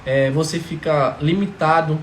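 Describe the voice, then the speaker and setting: A man's voice: a little high, measured pace. A man, talking casually and emphatically about his family as a father and often checking that he is understood. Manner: animated, emphatic, keeps asking "entendeu?". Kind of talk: casual testimony talk. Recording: echoey room with faint background noise.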